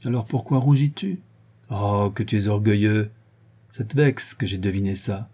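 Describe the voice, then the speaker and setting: Sly, playful young woman for an audiobook, read by a man, warm and husky, teasing throughout. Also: normal speed. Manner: lively, teasing, higher voice.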